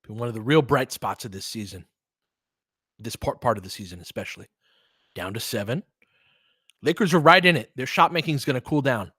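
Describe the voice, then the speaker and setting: Brisk and animated, with frequent pauses, a man in a medium-pitched, bright, forceful, and slightly rough voice hosts and calls plays on a basketball livestream. He trades clipped descriptions of the action for casual, opinionated asides to his audience. The recording is dry and studio quality.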